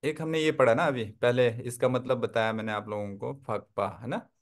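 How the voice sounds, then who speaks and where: A man with a medium-pitched voice teaches an online Tibetan script class at a moderate pace. He explains things step by step and often checks that his listeners are following.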